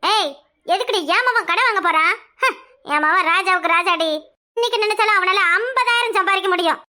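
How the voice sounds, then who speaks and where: Squeaky quarrelsome village housewife. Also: female voice, sharp tone. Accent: Kanyakumari Tamil. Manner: scolding, rapid bickering. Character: sharp-tongued village housewife, quarrelsome and loud. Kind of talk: cartoon voice acting.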